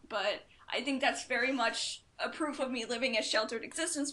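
A young woman whose raspy voice is hoarse and giving out, talking opinionatedly in a casual podcast chat. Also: on the high side, pushed and bright. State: hoarse, losing voice.

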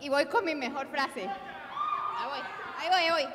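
Rowdy woman at a party game, high voice over a loud crowd. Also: fast talker, heavy background noise. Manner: loud, teasing, shouts a lot. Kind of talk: casual group game banter. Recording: echoey hall with loud music and crowd.

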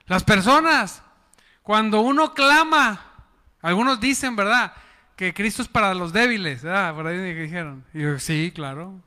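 A man preaches to his congregation with a high, bright voice and an unhurried pace, firing questions at them and leading call-and-response. His voice carries a long reverb from the hall. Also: lively intonation. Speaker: pastor. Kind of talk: sermon.

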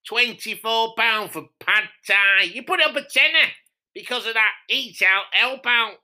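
A man's voice: very high-pitched, a little slow, bright, forceful tone, voice pushed up, exaggerated voice. A man voicing a blunt, crude male pub regular who talks down a rival pub in a comedy podcast. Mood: scornful.

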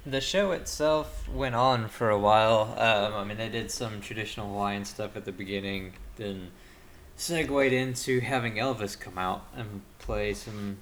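A man chatting casually, recounting a show in a measured way. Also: lowish voice, a bit bright, a little hiss or hum. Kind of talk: casual chat.

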